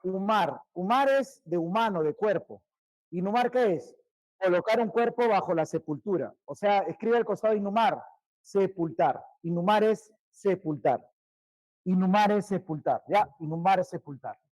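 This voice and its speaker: A male teacher, giving a vocabulary lesson, repeating each word more and more quietly and quizzing his students. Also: high voice, lively intonation, normal speed, no room sound, low-quality recording. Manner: repeats words, trailing off quieter, asks questions.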